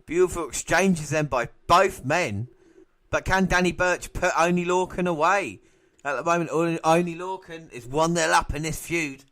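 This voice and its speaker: Male podcast commentator, bright and forceful, excitable and quick to laugh. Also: on the high side. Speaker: podcast co-host. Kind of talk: playful wrestling commentary.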